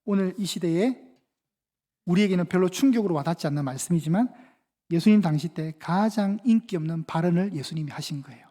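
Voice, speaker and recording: A man's voice: high voice, brisk, mellow. A middle-aged male pastor preaching a sermon in a chatty, conversational way, acting out dialogue with humor. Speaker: senior pastor. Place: church sanctuary. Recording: long reverb of a church hall.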